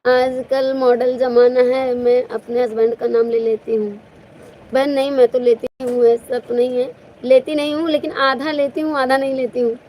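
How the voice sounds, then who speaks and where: A woman's voice: sits high, level tone, normal speed, dark tone, slight background noise, poor audio. A woman hosting a casual live stream, chatting playfully with viewers and teasing them with laughter.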